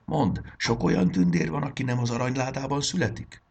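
A man's voice: medium pitch, lively intonation, darkish tone, slightly rough, voice pushed up. A man voicing an earnest young boy. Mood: curious.

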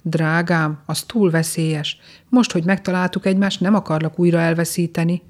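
A woman's voice: lowish voice, fairly even intonation, a little mellow, lightly acted. Woman reading as a protective captive king. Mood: earnest. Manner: earnest, reassuring.

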